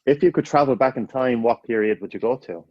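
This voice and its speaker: A man co-hosting a casual podcast, firing off quick questions and cracking jokes with frequent laughs. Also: medium pitch, no room sound, lo-fi sound. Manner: jokey, laughs often. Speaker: podcast co-host.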